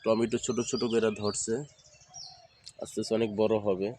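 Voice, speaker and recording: A man with a lowish, dark voice speaks in a level tone at a brisk pace, with slight background noise. He hosts village videos from Barisal, Bangladesh, and in his Barisal Bengali accent he casually narrates a morning walk through the fields outdoors, explaining local words to viewers.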